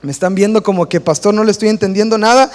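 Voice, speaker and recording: High-pitched pastor preaching in a hall. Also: male voice, fast talker. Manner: animated, acts out quoted voices and stories. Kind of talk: sermon. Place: church hall.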